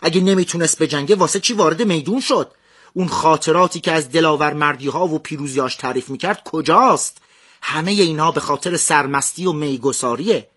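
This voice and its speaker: A proud, scornful legendary hero who hurls boastful threats at his foe, as a storyteller puts him on. The voice sits a bit high and rings forceful and bright, as in a told epic. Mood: indignant.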